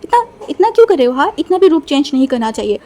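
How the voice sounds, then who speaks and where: A woman's voice: high-pitched, sing-song, quick pace, dark tone. A woman voicing a male gangster villain, a teasing, possessive husband, in a storybook reading. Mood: scolding.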